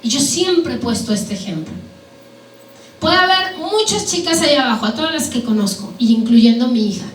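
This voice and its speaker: Woman preacher, high voice, echoey hall, sermon with questions to the congregation. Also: animated, moderate pace. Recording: echoey hall, mic at a distance, faint background noise.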